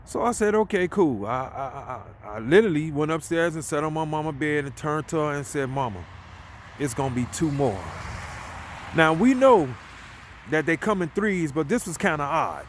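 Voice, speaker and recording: A man's voice: on the high side, lively intonation, normal speed, slight background noise. A man talking casually while walking outdoors at night, telling a rambling, conversational story and repeating himself. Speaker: vlogger.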